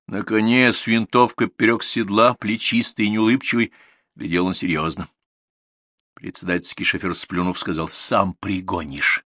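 A man reading short stories aloud as an audiobook narrator, in an expressive storytelling manner. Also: sits low, no room sound, clean studio sound. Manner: expressive, story-telling delivery. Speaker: audiobook reader.

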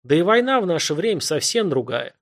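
A man voicing a quick-witted young working man who hides his fear behind wry replies. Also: a little high, very animated, pitched above the performer's own voice. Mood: wary.

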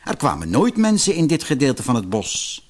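A man reading a fairy-tale audiobook in an expressive, theatrical storytelling manner. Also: medium pitch, normal speed. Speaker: narrator.

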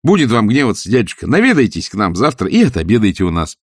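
A man's voice: fairly low pitch, huge pitch swings, quick pace, no room sound, studio quality, voice pushed up. A man doing a cheerful, eager young nephew. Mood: earnest. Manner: bright, raised and exclaiming.

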